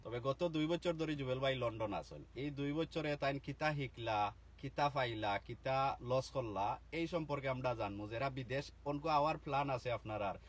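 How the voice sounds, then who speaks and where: A man's voice: mid-range voice, moderate pace. A man from Bangladesh with a Sylheti accent, chatting casually and teasingly on a live stream from a car. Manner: chatty, teasing, peppered with inshallah. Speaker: vlogger livestreaming from a car. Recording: faint background noise.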